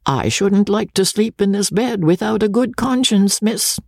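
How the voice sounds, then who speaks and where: A man's voice: high-pitched, a little slow, vocal fry, darkish tone, no room sound, studio quality, voice pushed up, heavily acted. A man doing a dour old charwoman. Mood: gloomy. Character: dour old female charwoman, gloomy, tight-lipped.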